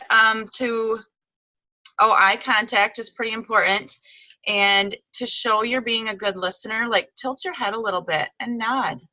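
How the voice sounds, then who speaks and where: A woman with a bright, forward voice recaps a weekend of tips over a video call, chatty and informal, with plenty of "um" and "like" fillers. Her voice sits at an ordinary middle pitch. The sound is dry and close, with almost no room around it. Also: no echo, poor audio. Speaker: guest speaker. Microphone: video call microphone.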